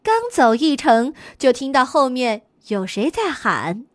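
A woman reading a children's story aloud in a slow, expressive way. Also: high-pitched, no echo, clean studio sound.

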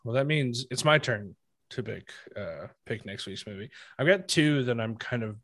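A man's voice: mid-range voice, expressive, moderate pace, fairly bright tone, no room sound. A man hosting a movie podcast, chatting casually and loosely with many fillers. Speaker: podcast host. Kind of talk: casual chat.

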